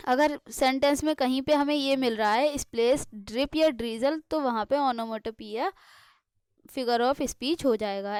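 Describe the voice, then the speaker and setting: High-voiced Indian woman teaching. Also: a little mellow, no room sound, studio quality. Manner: explains in Hindi, reads English examples slowly. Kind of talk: exam-prep lesson.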